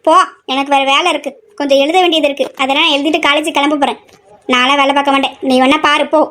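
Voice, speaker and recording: A woman's voice: sits high, flat delivery, fast talker, fairly bright tone, voice pushed down. A woman voicing a sleepy, cheeky college-age daughter who whines and talks back in a family comedy skit. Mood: defiant.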